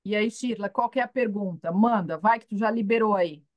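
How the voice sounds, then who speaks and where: A woman's voice: medium pitch, a little fast, no room sound, lo-fi sound. A woman hosting a live online question session for women, chatting casually and animatedly, often acting out little dialogues and checking "entendeu?" over a video call.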